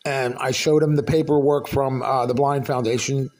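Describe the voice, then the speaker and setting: A man's voice: mid-range voice, fairly even intonation, normal speed, darkish tone. A man ranting in his apartment, telling a rambling, profane story about a neighbor. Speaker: vlogger recounting a dispute with a neighbor. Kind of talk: casual angry rant to camera.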